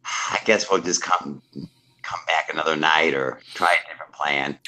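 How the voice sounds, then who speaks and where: A man's voice: rumbling low, normal speed, pushed and bright. A man playing a one-on-one tabletop game, giving short, plain replies to the game master. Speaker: player.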